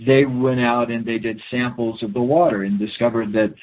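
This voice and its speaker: A man's voice: mid-range voice, fairly even intonation, moderate pace. A man talking earnestly in a rambling interview, often restarting his sentences. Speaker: guest. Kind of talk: conversational interview talk. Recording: phone-line audio, husky.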